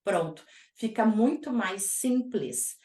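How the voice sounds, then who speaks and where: An energetic woman hosts a podcast conversation in a casual, emphatic way. Her voice sits at an ordinary middle pitch. The room around her gives a noticeable echo. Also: takes it slowly. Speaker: podcast host. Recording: echoey room.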